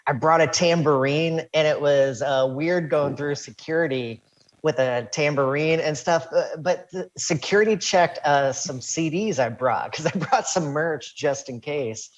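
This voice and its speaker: A man's voice: on the high side, a little slow, dull audio. A man who is a musician guest on a panel, casually telling a story with many fillers. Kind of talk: casual chat.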